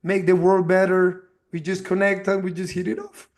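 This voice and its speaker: A man's voice: high-pitched, little pitch movement, normal speed. A man hosting a podcast interview, asking questions in a friendly, casual way. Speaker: podcast host.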